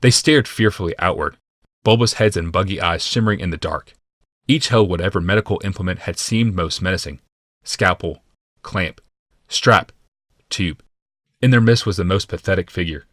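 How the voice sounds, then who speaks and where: Reading a fantasy audiobook, a man with a low, slightly bright voice tells the scripted story in a deliberate, dramatic way. The recording is close-miked and dry, free of room echo.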